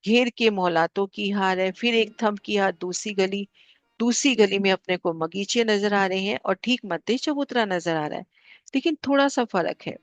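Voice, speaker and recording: A woman teaching a spiritual class gives a devotional lesson explaining maps, speaking at an ordinary middle pitch and normal speed in a calm, steady, guiding voice. She repeats the important figures twice for clarity, and the sound is close and dry with no echo or room around it.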